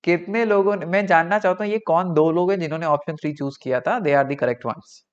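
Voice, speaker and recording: A man's voice: a little high, fairly quick, clean tone, highs cut off. A young man with an Indian accent teaching a live online class, switching between Hindi and English and often checking in with the students. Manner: mixes Hindi and English, chatty, checks in with "right?". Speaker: online tutor.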